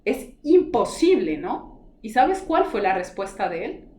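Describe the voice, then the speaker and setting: A woman's voice: fairly high pitch, big pitch swings, unhurried, darkish tone. A woman giving an earnest, emotional personal testimony in conversation, acting out the dialogue as she tells it. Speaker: spiritual guide telling her story. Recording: roomy echoey sound.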